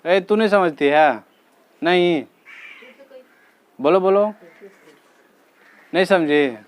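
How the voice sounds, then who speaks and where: A man's voice: high voice, slow pace. A male teacher, patiently walking his students through reasoning questions in a classroom and repeating each answer.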